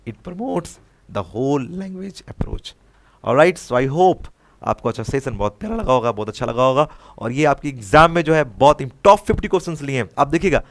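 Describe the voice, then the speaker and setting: A young man with an Indian English accent teaching an online exam-prep lesson. He explains each answer, mixes in English phrases and keeps checking in with listeners. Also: a little high. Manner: explains answers, mixing Hindi with English phrases, often asks "है ना?".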